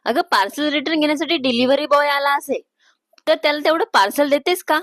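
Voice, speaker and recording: A woman voicing a friendly sister-in-law making a brisk, practical phone call in a storybook reading. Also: sits high, a bit bright, no echo, studio quality.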